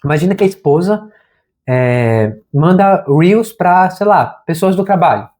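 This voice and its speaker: A man's voice: sits high, animated, a little slow, darkish tone. A man, a therapist and channel host, giving an informal spiritual talk to camera in a slangy, conversational way. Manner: informal and conversational, slangy, says "cara" often.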